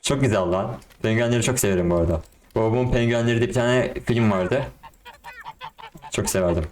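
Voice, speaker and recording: A young man with a lowish voice talks his way through a game in casual, excitable commentary, full of slang and asides to his viewers. A faint hiss of noise sits under the recording. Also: fairly quick. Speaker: gaming YouTuber.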